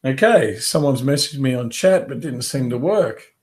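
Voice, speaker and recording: A man hosting a live coaching webinar from his home office, his voice worn down by a head cold. He talks casually and rambles, with plenty of "um"s and restarts, at a middling pitch. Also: lively intonation, moderate pace, a little mellow. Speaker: carpet cleaning business coach.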